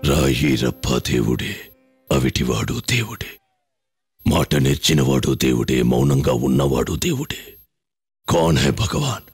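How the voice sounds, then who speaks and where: Gravelly chanting ascetic. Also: male voice, very deep voice, sing-song, a little slow, no echo, faint music behind, exaggerated voice. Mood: solemn. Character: stern male ascetic chanting Sanskrit verses. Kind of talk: dubbed film dialogue.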